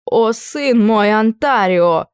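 A fawning, flustered old duke, voiced by a woman reading aloud, stretching out every exclamation slowly and a little high. The sound is dry and close to the mic. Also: lively intonation, clean tone, dry recording. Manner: slow, drawn-out exclamations.

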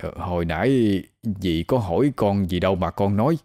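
A man's voice: low voice, animated, normal speed, dark tone. A man voicing a friendly foreign man who teases in odd, stilted phrasing. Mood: teasing.

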